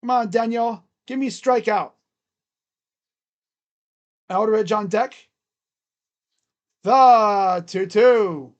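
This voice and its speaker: Extremely slow and full of long pauses, this live-stream baseball commentator has a naturally loud, booming delivery. Relaxed and talky, the host reacts casually with play-by-play and fills the gaps between pitches with chatter and idle humming.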